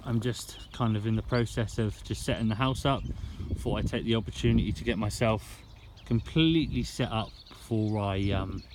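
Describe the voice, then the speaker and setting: A man's voice: fairly low pitch, moderate pace, few pauses. A man talking casually to camera in a laid-back, slangy way, as a fishing vlogger. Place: outdoors at a fishing lake. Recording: outdoor ambience and background noise.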